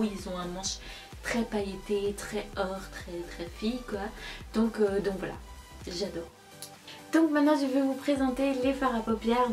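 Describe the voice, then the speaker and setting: A woman's voice: mid-range voice, darkish tone. A young woman reviewing a makeup palette for her channel in a casual, enthusiastic way, often repeating words for emphasis. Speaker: beauty vlogger.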